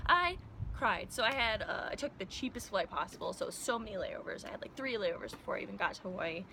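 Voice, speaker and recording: A young woman from Iowa telling her story casually to the camera, animated and laughing often, acting out the voices of the people she quotes. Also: mid-range voice, quick pace, few pauses, a little hiss or hum. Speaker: vlogger.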